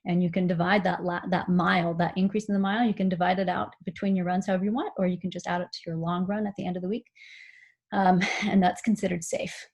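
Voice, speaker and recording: A woman giving a recorded seminar on mindful running, explaining calmly with frequent fillers. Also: fairly low pitch, fast talker. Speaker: running instructor.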